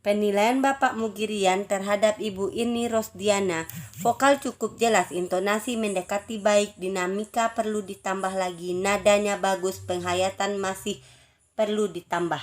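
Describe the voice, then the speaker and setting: A woman reading out a judge's feedback one entrant at a time, each remark a short item in a steady, listed rhythm. She stays at a medium pitch and slips into small restarts now and then before going on. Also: moderate pace. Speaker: announcer for a writing community's contest.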